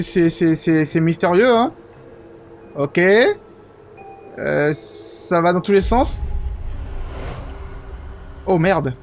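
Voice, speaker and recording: A young man from France giving excitable, casual commentary as he plays a video game, swearing now and then. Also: fairly high pitch. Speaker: gaming video host. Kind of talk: casual let's-play commentary. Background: game music.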